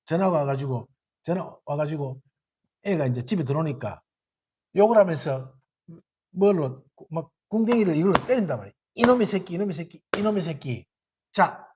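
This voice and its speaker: A man with a Gyeongsang accent giving a Buddhist sermon in a dharma hall, lively and quizzing his listeners with rhetorical questions. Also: high-pitched, breathy edge. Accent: Gyeongsang Korean.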